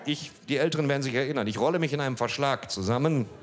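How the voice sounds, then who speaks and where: A middle-aged man tells his story in a dry, deadpan way, reading from a page into a handheld mic. He now and then breaks off to banter with the audience. The sound is a small club stage with faint noise behind. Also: mid-range voice, rapid-fire. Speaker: comedian. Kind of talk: stand-up storytelling read from a page.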